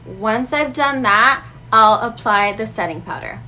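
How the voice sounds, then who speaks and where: A woman's voice: on the high side, a little slow, bright, forceful tone, slight background noise. A woman in her twenties talking animatedly to the camera in a casual skincare vlog, slipping in Spanish phrases now and then. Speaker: beauty vlogger.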